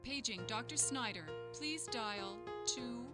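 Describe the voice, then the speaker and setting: A woman voicing a hospital public-address announcer, giving soft, even, unhurried paging announcements over a loudspeaker in a video game. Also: on the high side, loud music behind the voice. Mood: calm.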